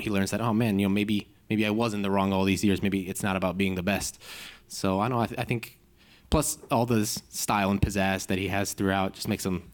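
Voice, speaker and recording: A man, an animator on a panel, answering questions in a playful, self-mocking way. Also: on the low side. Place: auditorium stage with a live audience.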